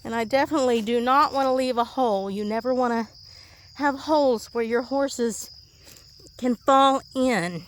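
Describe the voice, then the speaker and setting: Woman, casual vlog host, upbeat rambling chat outdoors, slightly breathless, pitched a little high. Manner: chatty, rambling, easily amused. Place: outdoors in a rural horse pasture.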